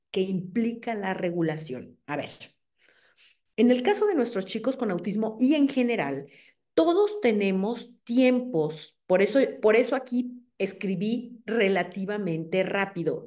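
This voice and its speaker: A middle-aged woman with a Mexican Spanish accent gives an animated, conversational talk to a room of mothers, often checking in with them. Her voice is mellow and warm, never sharp. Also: mid-range voice. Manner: animated, asks the audience "¿ok?".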